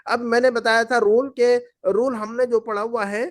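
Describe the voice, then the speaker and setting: A man's voice: very high voice, little pitch movement, no echo, clean studio sound. A male Arabic teacher leading a class, patiently repeating words and quizzing his students. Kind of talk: language class, drilling students. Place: class run from Bahrain.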